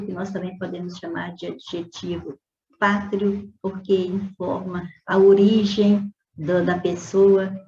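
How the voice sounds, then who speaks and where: A woman's voice: medium pitch, mellow. Woman teacher, roomy dull lo-fi audio. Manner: explanatory, stretches out example words slowly; checks in with "né?" and "tá vendo?". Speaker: Portuguese teacher. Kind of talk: exam review lesson. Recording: roomy, dull lo-fi with faint noise.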